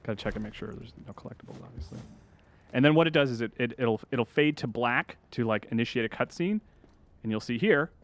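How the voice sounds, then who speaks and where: This man, a video game journalist acting as host, talks through gameplay during a game show segment, keeping the chat casual and enthusiastic. His mid-range voice is expressive and quick, with no room sound.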